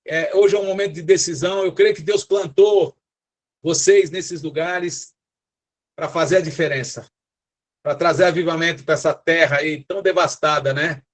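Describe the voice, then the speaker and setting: A man's voice: on the high side, steady tone, moderate pace. An older man with a São Paulo accent, preaching earnestly in an online church service over a video call, often tagging his sentences with questions. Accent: São Paulo Portuguese. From São Paulo, Brazil. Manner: earnest, exhorting, frequent tag questions. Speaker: apostle, guest preacher.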